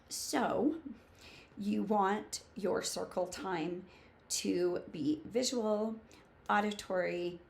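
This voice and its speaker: A woman's voice: medium pitch, gravelly. A woman in her fifties giving casual, emphatic instruction to camera as a preschool teaching coach, listing points in short phrases. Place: small home room with bookshelves.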